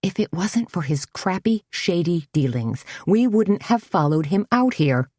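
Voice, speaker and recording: A woman voicing Tony, a wisecracking middle-aged woman friend in an audiobook mystery, playful and quick. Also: fairly low pitch, sing-song, warm tone, dry recording, clean studio sound, voice pushed up. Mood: fuming. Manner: wry, exasperated, fiery. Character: feisty middle-aged woman caught in a jam, joking.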